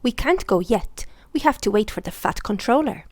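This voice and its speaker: A woman's voice: on the high side, animated, normal speed, a little mellow, no echo. A woman voicing an earnest, responsible male tank engine who gives instructions in a children's storybook. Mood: insistent.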